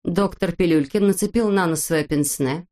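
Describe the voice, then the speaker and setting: A woman narrating a children's storybook in an even, clear storytelling manner. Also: fairly low pitch, moderate pace.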